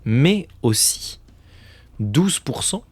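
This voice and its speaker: A man's voice: medium pitch, very animated, very slow, slightly rough, no room sound. Exasperated man muttering over a game. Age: 30s. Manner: exasperated, swears a lot, drops to muttered whispers. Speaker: streamer. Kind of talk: casual gameplay commentary.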